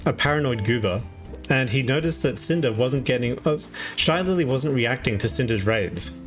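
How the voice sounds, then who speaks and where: A man's voice: mid-range voice, lively intonation, moderate pace, a bit bright, faint music behind. A young Australian man streaming, recapping online drama in rambling, casual chat with many fillers and frequent laughs. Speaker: VTuber streamer.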